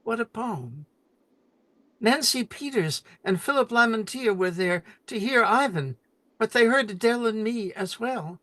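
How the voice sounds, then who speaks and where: An older man giving a solemn, deliberate reading of memorial poetry with dramatic emphasis. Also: very high voice, sharp tone, no room sound. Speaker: poet.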